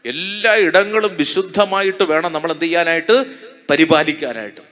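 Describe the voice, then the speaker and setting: A man preaching with a Malayali accent, his voice fairly high and bright, ringing out over the congregation. He repeats his points, fires off rhetorical questions and keeps pulling the crowd in to answer hallelujah. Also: normal speed. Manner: call-and-response preaching, asks the crowd to say hallelujah. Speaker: priest. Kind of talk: sermon.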